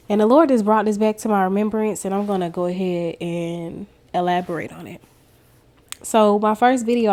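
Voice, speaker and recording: With a mid-range voice and darkish tone, a woman tells her personal testimony on her faith vlog. She's a chatty storyteller, casually addressing her viewers directly throughout.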